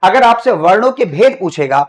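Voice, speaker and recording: A man's voice: high-pitched, sing-song. A male teacher giving an online grammar lesson. He asks the class questions, answers them himself, and repeats key phrases. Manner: slows down to dictate notes.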